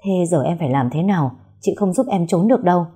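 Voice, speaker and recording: A woman voicing a practical female hospital doctor who speaks in a brisk, matter-of-fact way. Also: lowish voice, lively intonation, warm tone, slightly rough.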